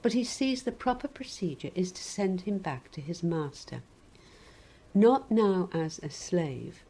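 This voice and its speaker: Female preacher, low-ish mellow voice, animated delivery, reflective sermon with dry humor. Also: husky, rough recording. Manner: measured, gently wry reflective preaching.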